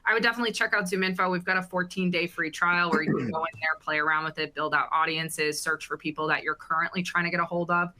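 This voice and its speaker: A woman hosting a webinar Q&A over a video call, upbeat and filling pauses with ums. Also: on the low side, fairly even intonation, pushed and bright. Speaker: webinar host.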